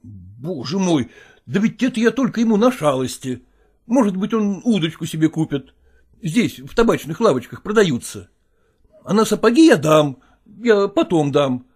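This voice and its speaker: A man's voice: high voice, sing-song, normal speed, darkish tone, husky, pitched above the performer's own voice, heavily acted. A man voicing an irritable, harassed middle-aged husband and father, talking in an exasperated, firm and pleading way.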